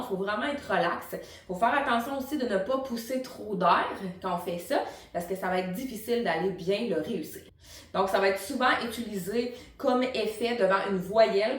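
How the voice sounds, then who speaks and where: A woman with a Quebec French accent explains things like a singing coach, informal and encouraging, in a mid-range voice. She sounds a little way from the microphone, in a room with clear echo. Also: medium pitch. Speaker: singing teacher and vocal coach. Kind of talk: tutorial explanation to camera. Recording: roomy echo, distant microphone.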